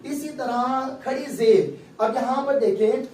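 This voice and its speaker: A man's voice: very high-pitched, takes it slowly, dark tone, a little hiss or hum. Give me a male teacher patiently explaining reading rules to a class, recorded from a distance in a roomy hall. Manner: explains step by step and quizzes students with questions. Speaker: Quran recitation teacher. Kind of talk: classroom tajweed lesson.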